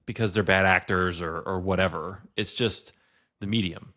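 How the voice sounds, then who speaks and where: A man with a very low, deep voice co-hosts a podcast in loose, casual chat. He rambles and leans on filler words, talking into a podcast mic. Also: fairly even intonation, moderate pace, sharp tone. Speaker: podcast co-host.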